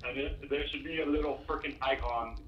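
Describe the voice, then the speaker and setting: A man's voice: mid-range voice, fairly even intonation, fairly quick, lo-fi sound. A young man bossing and teasing his friend while they play a shooter game, swearing casually. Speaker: gamer co-host. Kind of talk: casual gaming chat.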